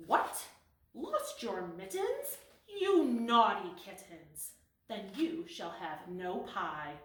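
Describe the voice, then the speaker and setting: A woman voicing a stern mother cat, scolding slowly and loudly. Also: mid-range voice, sing-song. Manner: slow, loud scolding. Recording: roomy echo, mic at a distance.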